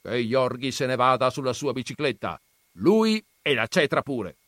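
A man voicing a gruff, domineering old grandfather in a read-aloud story, loud and declaiming. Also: mid-range voice, sing-song, moderate pace, no room sound, studio quality, pitched above the performer's own voice. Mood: blustering.

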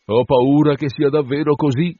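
A man's voice: on the high side, steady tone, normal speed, dark tone, breathy edge, no echo, pitched above the performer's own voice. A man voicing a jovial country curate who is fond of the hunt, with a hearty, chuckling manner, in a dull, dry recording. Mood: weary.

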